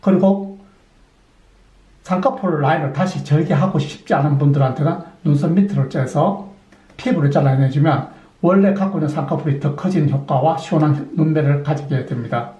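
A man's voice: a little high, normal speed, dark tone, echoey room, rough recording. Methodical middle-aged male surgeon explaining. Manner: methodical, poses and answers his own questions. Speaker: plastic surgeon. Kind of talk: explanatory clinic talk.

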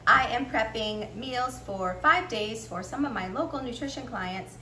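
A woman's voice: fairly high pitch, a little slow, pushed and bright. A middle-aged woman hosting a casual cooking vlog, chatting and explaining as she cooks at home, recorded on a camera mic a few feet away in her kitchen. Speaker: cooking channel host. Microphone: camera mic, framed from a few feet away. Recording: echoey kitchen, faint room hum.

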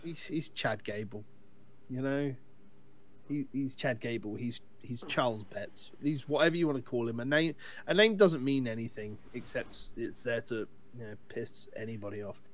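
A man's voice: medium pitch, normal speed. A man co-hosting a wrestling podcast, giving his views bluntly and sounding unimpressed. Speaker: podcast co-host. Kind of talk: casual chat.

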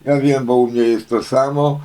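An older Polish man, an amateur radio operator and hobby video maker, rambles in a folksy, chatty way, often repeating himself and using filler phrases. His voice is medium-pitched and mellow with a flat delivery at normal speed, and the audio is poor.

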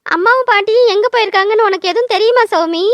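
A woman's voice: very high voice, fast talker, no room sound, muffled recording. A woman voicing a frightened schoolgirl in a cartoon, who speaks in a tearful, pleading way. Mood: worried. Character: frightened schoolgirl, older cousin. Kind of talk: cartoon dubbing.

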